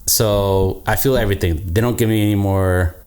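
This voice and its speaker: A man's voice: fairly low pitch, fairly even intonation, moderate pace, darkish tone. A man hosting a podcast and telling a personal story in casual chat, blunt and profane, laughing as he talks.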